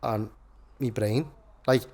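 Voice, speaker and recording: A man's voice: mid-range voice, steady tone, slow, a little mellow. A young man, talking casually as a podcast guest and rambling through his stories with lots of filler words. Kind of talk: casual chat.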